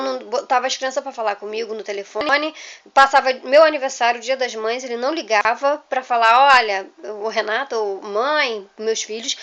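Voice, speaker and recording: A woman's voice: on the high side, fairly bright tone, lo-fi sound. A young woman with a Rio de Janeiro accent telling her life story in a casual, emotional, rambling way, full of restarts and "entendeu?". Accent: Rio de Janeiro Portuguese.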